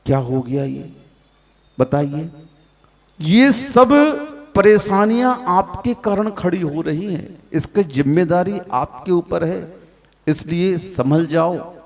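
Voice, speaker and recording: A man delivers a sermon in a fairly high voice, taking his time and scolding the crowd. He keeps firing rhetorical questions at his listeners. The sound rings out with the long reverb of a big hall. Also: animated, slow pace, a little mellow. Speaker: Jain monk preacher.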